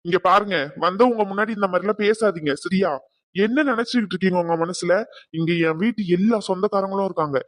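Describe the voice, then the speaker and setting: A man's voice: high-pitched, fast talker, dry recording, close to an everyday voice. A man voicing a stern young groom in a cartoon drama who lectures and defends his sister. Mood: angry.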